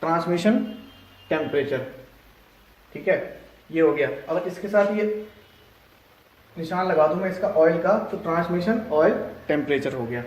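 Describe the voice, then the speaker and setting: A male instructor explaining a lesson step by step, often pausing to check that his students have understood. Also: a little high. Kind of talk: classroom lesson. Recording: echoey room, distant mic.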